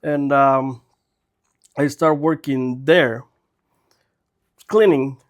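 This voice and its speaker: A man's voice: mid-range voice, fairly even intonation, extremely slow. A man in his forties with a Mexican accent, a native Spanish speaker, chatting casually as a podcast guest telling his story. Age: 40s. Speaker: podcast guest, dental technician.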